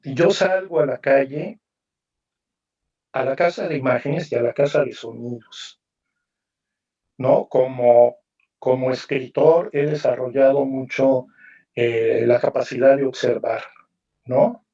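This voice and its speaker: Slow, musing man, distant on a call. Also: medium pitch, fairly even intonation, warm tone, lo-fi sound. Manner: reflective, musing, frequent tag questions. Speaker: novelist guest presenting his book. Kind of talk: literary panel talk. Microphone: video call.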